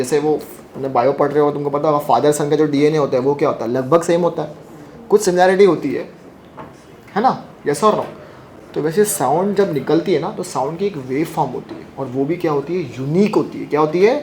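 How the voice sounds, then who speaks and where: A man's voice: on the high side, fairly quick, a little mellow, slight background noise. A man teaching a physics class. He keeps asking his students questions, repeats their answers back, and teases them between points. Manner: joking and teasing with students. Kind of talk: classroom lecture.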